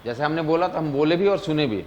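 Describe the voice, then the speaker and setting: Man lecturing physics, higher pitch. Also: lively intonation, quick pace, a little mellow. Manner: keeps asking students if they follow; mixes Hindi with English terms. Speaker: physics teacher. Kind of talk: casual classroom lecture.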